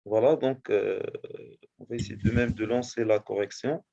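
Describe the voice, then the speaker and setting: A male teacher going over a test in class, speaking haltingly and often checking that his students follow. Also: on the low side, fairly even intonation, gravelly, dark tone, lo-fi sound. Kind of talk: classroom lesson correcting a test.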